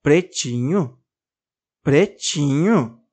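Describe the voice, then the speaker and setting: A narrator voicing a small, lively girl who bosses her dolls around, in a high, expressive child's voice. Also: drawn-out words, breathy edge, full character voice. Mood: carinhosa. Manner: fala aguda e expressiva de criança. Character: menina pequena, animada e mandona com os bonecos.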